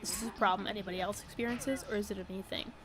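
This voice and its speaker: A woman's voice: mid-range voice, fast. A woman chatting casually while streaming a game, tired and yawning, rambling with lots of fillers and giggles.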